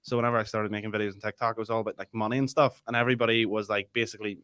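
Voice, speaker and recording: Fast-talking bright young man. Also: on the low side, clear, resonant tone, no room sound, clean studio sound. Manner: fast, animated storytelling. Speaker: podcast co-host. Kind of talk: casual chat.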